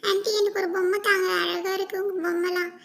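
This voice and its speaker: A whiny little cartoon boy, put on by a woman, who pleads and whines for toys. His voice sits very high and is raised well above the narration. It has a gravelly edge and little melodic swing. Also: level tone, fast talker, slight background noise. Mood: pleading. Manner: whining, pleading.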